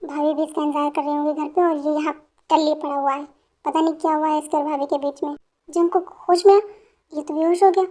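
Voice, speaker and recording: A woman's voice: sits high, little pitch movement, quick pace, warm tone, natural voice. A woman dubbing a caring male best friend who scolds and pleads firmly. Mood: concerned. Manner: firm, pleading. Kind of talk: fan dubbing.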